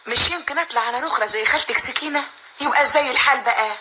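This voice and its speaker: A woman's voice: sits high, racing, sharp tone, a little hiss or hum, poor audio. An actress playing a timid young orphan woman with an Egyptian accent, hesitant and pleading. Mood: wary. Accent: Egyptian Arabic.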